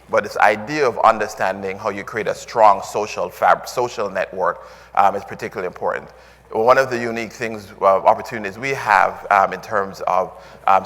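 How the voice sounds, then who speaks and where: A man's voice: lowish voice, a bit bright. A man with a Jamaican accent giving a conference talk, full of "um"s and restarts. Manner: filler-heavy, restarts often, earnest. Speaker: conference speaker. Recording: long hall reverb.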